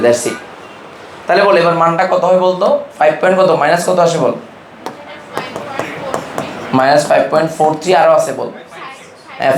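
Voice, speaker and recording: A man's voice: fairly high pitch, slight background noise. Quizzing man teaching chemistry in an echoey room. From Bangladesh. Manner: keeps quizzing students with quick questions; informal, brotherly tone with students. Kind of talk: classroom lecture. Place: classroom.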